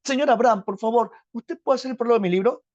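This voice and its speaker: A man's voice: very high voice, fast, a little mellow, no room sound, dull audio, voice pushed up. A man voicing a timid, eager young provincial poet who stammers and pleads deferentially. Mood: pleading eager.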